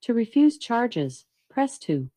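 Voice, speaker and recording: Woman, automated payphone call prompt, measured recorded announcement, lively sing-song pitch, mellow tone. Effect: automated jail payphone call prompt. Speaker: automated phone operator voice.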